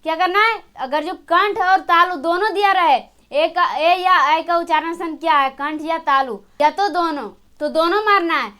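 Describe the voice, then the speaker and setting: A woman's voice: very high-pitched, sharp tone. A woman teaching an exam-prep grammar lesson, who keeps asking a question and answering it herself. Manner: repetitive, asks and answers her own questions.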